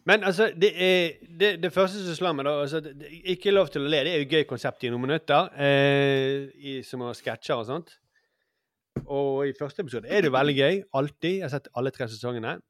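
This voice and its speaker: A man in his forties with a mid-pitched voice, chatting on a podcast. He muses aloud and rambles with lots of fillers. The recording is close and dry. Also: dry recording. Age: 40s. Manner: musing, rambling, many fillers. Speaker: podcast host. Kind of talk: casual chat.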